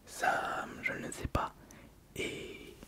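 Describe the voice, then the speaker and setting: A man whispering an intimate ASMR monologue, very close, as if right in the listener's ear. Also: extremely slow. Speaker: ASMR video host.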